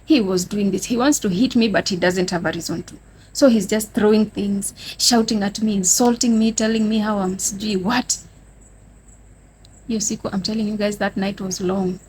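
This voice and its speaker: A young Kenyan woman with a Kenyan accent tells her viewers a dramatic personal story in a casual storytime vlog, mixing Swahili and English and calling them "guys." Her mid-range voice is animated and moderately paced, with a little hiss or hum in the audio.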